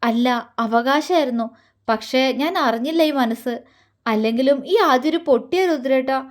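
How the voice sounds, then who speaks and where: A woman voicing a tearful young wife in an audio love story, speaking in a halting, trembling way. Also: sits high, natural voice. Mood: emotional. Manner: tremulous, halting, emotional.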